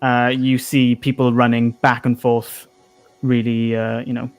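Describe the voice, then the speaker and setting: A man narrating a tabletop game as game master in a casual, improvised, halting way. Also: medium pitch, completely flat delivery, clean tone, soft background music.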